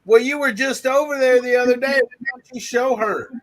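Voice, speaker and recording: A man's voice: very high-pitched, brisk, a bit bright. A man joking bluntly on a casual live-stream panel and laughing easily.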